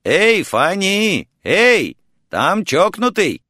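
A man voicing a loud, cheerful older landlady who shouts excited calls across a courtyard, in a storybook reading. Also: sits high, extremely slow, dry recording, clean studio sound, voice pushed up, heavily acted. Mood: shouting.

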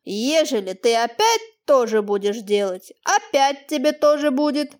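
A woman's voice: high voice, lively intonation, a little slow. Woman voicing a trembling stern old master. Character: stern landowner father, agitated, trembling.

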